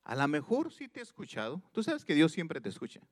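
Preaching in a voice on the high side with wildly swooping pitch, a man reads scripture slowly and emphatically. He repeats phrases and questions his audience directly.

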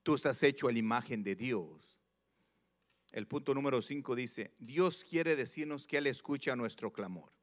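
A man with a medium-pitched voice preaches a sermon, reading scripture slowly and with emphasis. He repeats phrases and puts questions straight to his listeners.

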